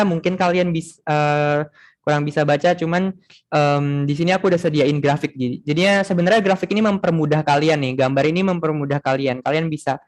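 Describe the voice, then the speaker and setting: A young man tutoring a class online in a casual way, thinking aloud with many fillers and restarts. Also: on the high side.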